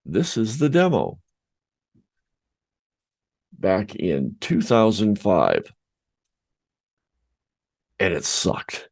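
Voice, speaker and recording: Middle-aged guy on a podcast, lowish voice, rambly and self-mocking. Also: huge pitch swings, extremely slow, vocal fry, pauses often, a little mellow. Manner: rambling, self-deprecating storytelling. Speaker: podcast co-host. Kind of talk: casual podcast chat.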